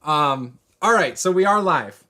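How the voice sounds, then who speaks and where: A man running a tabletop game as game master, joking in quick, loose asides. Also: on the high side, animated, heavy background noise.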